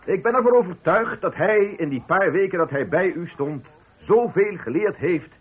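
Here the actor's voice is high and husky, with lively intonation at a moderate pace, though the recording is muffled. He portrays a pompous, patronizing male director giving a farewell address in a Dutch radio play, all unctuous ceremony.

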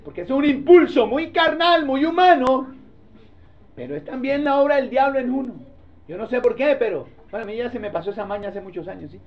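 High-voiced pastor preaching. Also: male voice, fairly quick. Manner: impassioned preaching, swings from loud exhortation to hushed asides. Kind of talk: sermon. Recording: dull lo-fi sermon recording.

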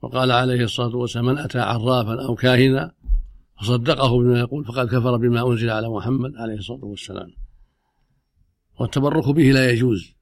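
A man's voice: medium pitch, no echo, studio quality. A man speaking as an Islamic scholar, giving unscripted religious rulings in formal Arabic in a stern, emphatic, repetitive manner. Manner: stern, emphatic, repeating himself.

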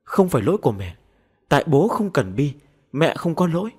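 A man voicing a sulky, clingy little ghost girl in a high, tearful childish voice. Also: very animated, brisk, dark tone, slightly rough.

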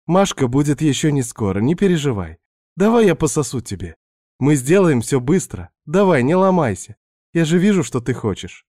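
A man's voice: fairly high pitch, very animated, normal speed, a little mellow, no echo, studio quality, voice pushed up. A man reading aloud and voicing a pushy young woman who teases and coaxes insistently in a raised voice. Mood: teasing. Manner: teasing, insistent.

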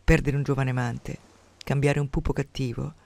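A man's voice: medium pitch, little pitch movement, normal speed, vocal fry, darkish tone, close to an everyday voice. A man voicing a worldly, composed aging woman in a read-aloud story, his voice lifted and playful. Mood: teasing.

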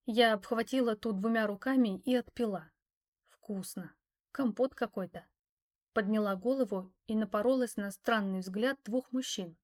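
A woman reads a first-person novel aloud at a middle pitch. Her telling is expressive, with a wry edge. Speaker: audiobook narrator. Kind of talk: first-person story narration.

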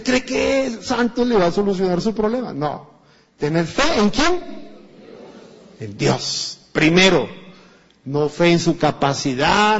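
A man preaching a sermon in a church with a Colombian Spanish accent, animated and acting out the voices of people in his stories. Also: fairly high pitch. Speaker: pastor. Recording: dull echoey church recording.

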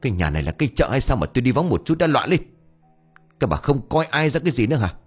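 A man's voice: fairly low pitch, sing-song, brisk, darkish tone. A man voicing a stern middle-aged village official scolding his two quarrelling wives. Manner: gruff, scolding. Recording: faint background music.

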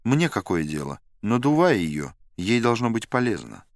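A cold, mocking young woman, as a male reader puts her on in a dry audiobook recording. Her voice sits raised above his own low range, clipped and scornful. She teases and cuts at the man she speaks to. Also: very animated, normal speed, no echo. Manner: cool, scornful, teasing.

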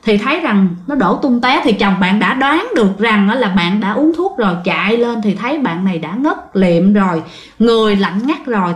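A woman's voice: medium pitch, roomy sound. A woman narrating a ghost story in a vivid manner, talking directly to her listeners.

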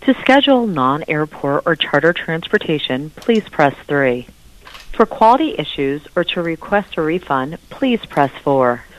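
A recorded phone menu message plays over a phone line, reading out options in slow, evenly spaced prompts. The voice is medium-pitched and very animated.

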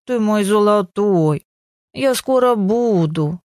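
A woman voicing a devout grandmother in her sixties, speaking slowly on the phone in an audiobook. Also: mid-range voice, lively intonation, a little mellow, dry recording, studio quality. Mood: fond. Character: grandmother on a retreat, devout, warm.

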